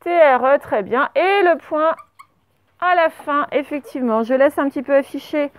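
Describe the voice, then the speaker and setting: A woman teaching a primary class, dictating words slowly and spelling them out letter by letter. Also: sits high. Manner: slow, over-articulated dictation of words.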